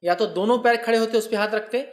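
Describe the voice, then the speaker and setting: A man, an Islamic scholar answering viewer questions in a religious lecture, explaining patiently and often checking that listeners follow. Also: high-pitched.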